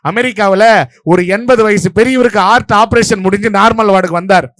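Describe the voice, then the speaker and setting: A man from Vellore district in Tamil Nadu, judging a stage debate and giving his verdict in a rapid, playful, story-driven speech to a live audience. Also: sits high, fairly bright tone, no echo, studio quality. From Vellore district, Tamil Nadu, India.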